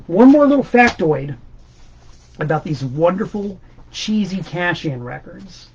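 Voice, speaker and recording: A man's voice: sits high, very animated, a little slow, a little mellow, husky, highs cut off. A man hosting a casual monologue about records, enthusiastic and rambling, with emphatic repeats. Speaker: host.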